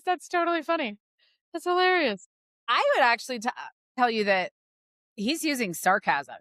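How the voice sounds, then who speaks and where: A woman co-hosting a casual Bible discussion, animated and expressive, laughing easily. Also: on the high side, moderate pace, no echo, clean studio sound.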